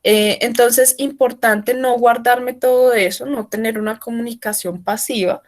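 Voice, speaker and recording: A woman giving an online workshop, explaining loudly and often checking in with her listeners. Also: a little high, steady tone, measured pace. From Colombia. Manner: explanatory, asks frequent check-in questions; speaking loudly for remote listeners. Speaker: workshop trainer. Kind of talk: online training talk.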